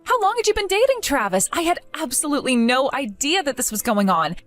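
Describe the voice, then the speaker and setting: A woman's voice: high-pitched, very animated, brisk, fairly bright tone, faint music behind. A young woman voicing an earnest, hurt young woman pleading with a friend who turned on her.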